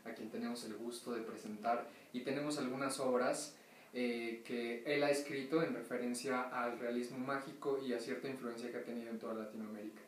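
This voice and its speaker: A man's voice: medium pitch, steady tone, a little fast. A man interviewing a guest, asking questions in a hesitant way with many fillers. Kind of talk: staged interview. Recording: very echoey, distant, faint noise.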